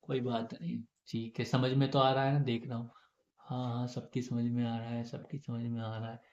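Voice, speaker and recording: A man's voice: mid-range voice, flat delivery, moderate pace, a little mellow. Muffled male teacher coaxing his class. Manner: coaxing, asks the class questions and repeats answers. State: voice slightly heavy from being unwell. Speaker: chemistry teacher. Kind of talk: classroom lecture to students. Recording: dull, muffled lo-fi sound.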